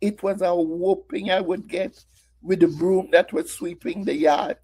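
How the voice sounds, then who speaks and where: A woman's voice: fairly low pitch, steady tone, a little slow, mellow, slightly rough. A middle-aged woman preaching a Mother's Day sermon, asking her listeners many rhetorical questions and sharing her own story. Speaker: women's ministry speaker.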